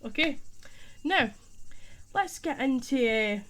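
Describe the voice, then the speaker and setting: A young woman with a thick Scottish accent plays a teacher in a spoken role-play, chatting loosely and playfully with heavy dialect and plenty of rambling. Her voice sits high and expressive, slow and fairly bright.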